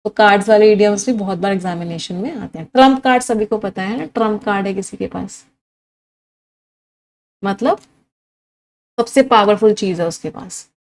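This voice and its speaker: A woman's voice: medium pitch, moderate pace, long pauses, darkish tone. A young adult woman with an Indian English accent teaching an exam-prep vocabulary lesson, mixing Hindi and English, repeating words and quizzing the viewer.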